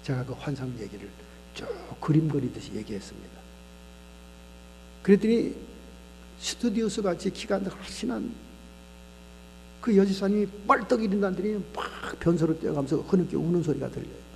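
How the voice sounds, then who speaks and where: A man's voice: high voice, normal speed, vocal fry, pauses often, in a large hall, slight background noise. A man preaching as a pastor, telling a story and acting out the voices of the people in it. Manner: animated storyteller who acts out the people in his story. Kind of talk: sermon storytelling. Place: church sanctuary.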